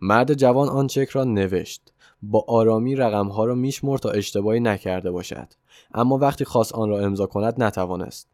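A man giving steady scripted narration of an audiobook story. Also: fairly low pitch, no room sound, clean studio sound.

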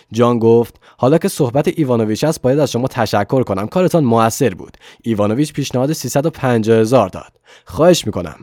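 A man narrating a novel as an audiobook, calmly quoting the characters in his own voice. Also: mid-range voice, dry recording, clean studio sound.

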